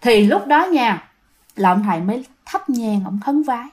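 A young woman with a Southern Vietnamese accent narrates a ghost story in a loose, conversational way. Her voice sits a little high, and she fills pauses and repeats words to build suspense. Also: big pitch swings. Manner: chatty, many fillers, repeats words for suspense. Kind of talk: casual spoken storytelling to listeners.

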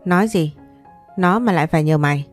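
A woman's voice: on the low side, fairly quick, faint music behind, close to an everyday voice. A woman voicing a harsh rural mother who scolds and threatens in a story reading. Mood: scolding.

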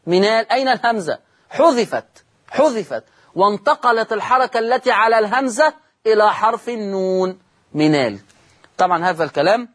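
A man with an Egyptian accent leads a televised recitation lesson in a patient teaching voice. He drills each point slowly, repeating key words for emphasis. He often puts a question to his students and then answers it himself. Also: high voice. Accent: Egyptian Arabic. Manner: repeats each rule several times, slow and emphatic.

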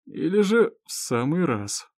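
Storybook drunk, read by a man: weary, hoarse, sarcastic, groaning. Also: fairly high pitch, big pitch swings, measured pace, a little mellow, no room sound, clean studio sound, voice pushed up.

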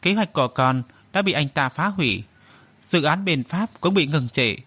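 A man's voice: on the high side, expressive, normal speed, bright, forceful tone, slightly rough, exaggerated voice. A man voicing a bitter, vengeful young man in an audio story, speaking coldly and curtly. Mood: scheming. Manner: cold and curt.

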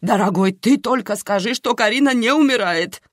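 A woman reader voicing a loud, fussy, doting middle-aged aunt who exclaims and fusses over everyone. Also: fairly high pitch, moderate pace, no room sound, clean studio sound, pitched above the performer's own voice, lightly acted. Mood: effusive fussing. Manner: effusive, exclaiming, fussing.

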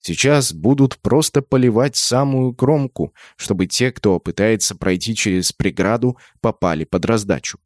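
A man giving brisk first-person narration of an audiobook. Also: on the low side, a little mellow, no echo, studio quality.

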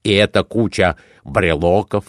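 In a storybook reading, a man voices a blunt, suspicious merchant who questions in a measured, pointed and persistent way, sounding probing and distrustful. His voice sits low, and the recording is dry with clean studio sound.

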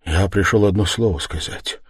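A brooding young man, voiced by a male audiobook reader, speaks in curt, gloomy phrases, a little louder than the narration. The voice keeps to a low, somber register. The sound is dry and close. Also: normal speed, slightly rough, no room sound. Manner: gloomy and abrupt. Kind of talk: audiobook character reading.

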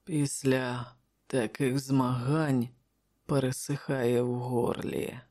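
A woman doing a gruff, growling barbarian king. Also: level tone, slow pace, dark tone, heavily acted. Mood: weary. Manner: growling, low.

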